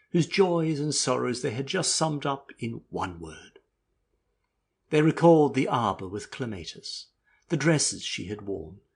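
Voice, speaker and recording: A man with a husky, medium-pitched voice narrates classic literature as an audiobook in a measured storytelling manner.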